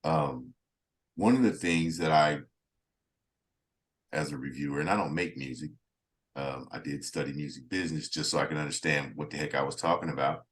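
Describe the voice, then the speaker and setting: A man's voice: extremely low pitch, moderate pace, long pauses. A man interviewing a guest, a music reviewer who talks casually and animatedly, acting out quotes. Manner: animated, acts out quotes with a rising voice.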